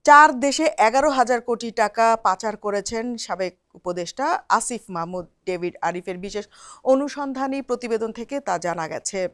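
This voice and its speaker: A woman's voice: a little high, a little fast, clean tone. Woman reading formal news. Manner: steady formal newsreader delivery. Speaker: news presenter.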